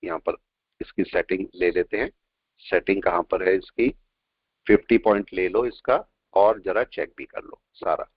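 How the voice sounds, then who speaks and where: A man teaching a live trading class, explaining points and quizzing his students with quick questions. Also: low voice, steady tone, slightly rough, dry recording. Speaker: trading instructor. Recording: dull lo-fi audio, dry.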